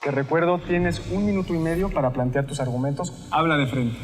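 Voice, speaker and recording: A man's voice: a little high, fairly quick, a little hiss or hum. A man with a Mexican Spanish accent hosting a televised student debate in an upbeat, scripted presenter style. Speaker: host.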